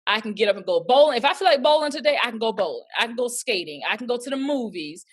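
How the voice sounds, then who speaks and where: Lady actress chatting in an interview, bit high voice, acts out the voices in her stories. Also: quick pace, breathy edge. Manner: lively storyteller who acts out quoted voices. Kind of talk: casual interview chat.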